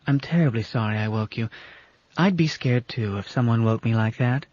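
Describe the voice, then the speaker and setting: A man reading an audiobook voices a calm, soothing female computer who speaks softly and gently. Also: medium pitch, normal speed, breathy edge, no echo, natural voice. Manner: calm, soothing, soft-spoken. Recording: dull lo-fi audiobook recording.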